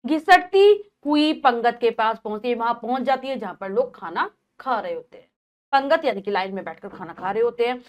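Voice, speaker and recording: A woman teacher reads a play aloud and explains each line in plain, simple words. Her voice sits a little higher than most. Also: expressive, fairly quick.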